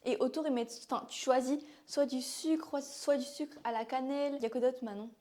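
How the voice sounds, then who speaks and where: A young woman with a regional French accent chatting casually in a vlog, rambling and filling pauses with "euh". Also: sits high, fairly even intonation, mellow. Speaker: vlogger.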